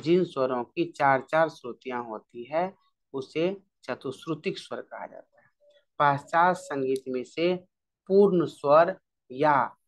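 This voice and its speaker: Man teaching music theory, slow and repetitive, slightly high voice, drill-style recap. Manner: slow, repeats key terms drill-style with frequent "theek hai". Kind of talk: exam-prep music lesson.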